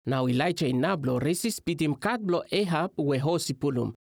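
A man's voice: on the high side, brisk, creaky, dry recording, clean studio sound. A man with a Vanuatu Melanesian pidgin accent, giving a Bible teaching talk as a religious teacher.

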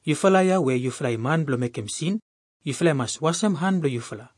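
A man's voice: fairly high pitch, animated, brisk, no echo, studio quality. A man with a Melanesian Pidgin accent, reading Bible verses aloud as a scripture reader.

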